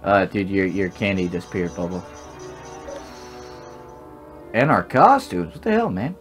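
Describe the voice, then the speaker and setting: A man's voice: low voice, wildly swooping pitch, measured pace, faint music behind. A young man giving casual, blunt, joking game commentary with plenty of swearing. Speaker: gaming video host.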